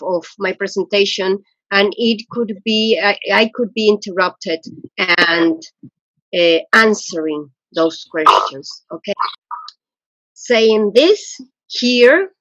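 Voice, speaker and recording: A woman from Ecuador, a languages coach giving a webinar to teachers, speaking slowly and often restarting her sentences. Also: medium pitch, a bit bright, no echo. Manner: slow, hesitant, repeats and restarts phrases. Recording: dull, lo-fi webinar audio.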